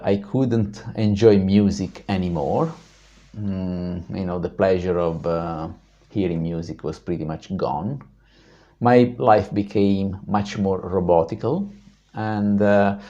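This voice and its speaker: The audio is dull as a vlog host with a dark-toned, deep baritone reflects on a personal story. His telling is full of pauses and filler words.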